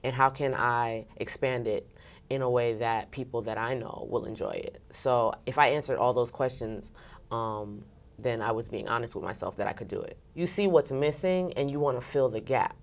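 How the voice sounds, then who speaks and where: Appearing as an interview guest, a radio host from Brooklyn, New York talks casually and expressively with slangy phrasing. She has a very deep voice and speaks at a normal speed.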